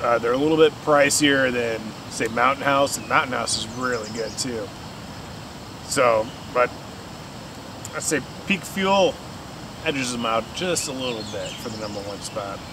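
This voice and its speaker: A man in his forties casually talking on a camping vlog, relaxed and chatty with lots of fillers, recorded outdoors on a camera. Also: medium pitch, a little slow. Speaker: vlogger. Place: outdoors at a campsite and on a bike trail. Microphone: camera on a tripod, action cam while riding. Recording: noisy outdoor camera audio. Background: outdoor ambience.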